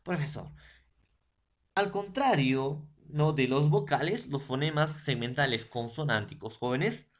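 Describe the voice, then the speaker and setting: A man's voice: on the high side, lively intonation, a little slow. A male school teacher with a Peruvian Spanish accent, explaining phonetics step by step in a recorded lesson and repeating filler words.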